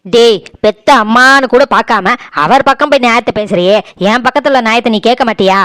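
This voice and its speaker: A sharp-tongued older mother-in-law, voiced by a woman with a Tirunelveli Tamil accent, accusing and self-pitying by turns. The voice sits a little high and sounds smooth and clean, recorded dry and close for a cartoon. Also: a little fast, dry recording, close to an everyday voice. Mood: aggrieved. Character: domineering older mother-in-law, quick to scold. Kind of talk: cartoon voice acting.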